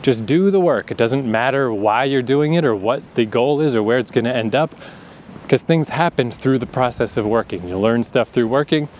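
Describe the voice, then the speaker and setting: Here a podcast host in his thirties talks at a moderate pace in an animated, slightly mellow medium-pitched voice with a faint Atlantic Canadian accent. He records a rambling, candid monologue outdoors in a breezy urban area, laughing often and swearing freely, with slight background noise.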